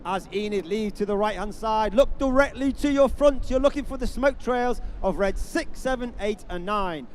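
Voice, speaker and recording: A man commentates on an airshow in a very high-pitched voice. He announces in a build-up style, presenting each manoeuvre to the spectators. Faint outdoor noise sits behind him. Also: normal speed, few pauses. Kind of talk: airshow commentary over a public address.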